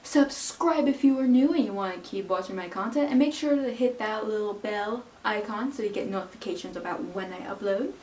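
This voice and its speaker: A young woman vlogger telling a personal story in an animated, self-mocking way. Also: medium pitch, fairly quick, hardly any pauses, slight background noise. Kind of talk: storytelling vlog. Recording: echoey room, far from mic.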